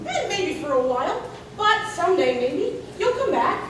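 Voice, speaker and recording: A frank, friendly comrade, acted by a woman in a stage comedy. The very high voice swings up and down and carries from far off through an echoing hall. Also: very animated, moderate pace, a bit bright, slight background noise, full character voice. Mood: gentle advice.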